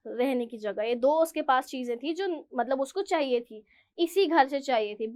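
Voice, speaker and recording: High-voiced woman teacher. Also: fairly bright tone. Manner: reads English lines slowly, then explains in Hindi. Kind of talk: chapter explanation lesson.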